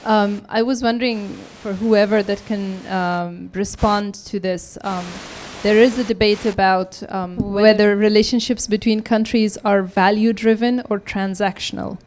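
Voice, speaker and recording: A woman's voice: mid-range voice, fairly even intonation, a little slow, few pauses, a little mellow, slight background noise. A woman from Afghanistan, in the audience, asking the panel a question politely and hesitantly.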